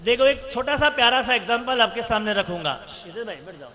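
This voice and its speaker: Male monk preacher for a storytelling sermon: emphatic rhetorical questions, very high, bright, forceful voice. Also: a little fast.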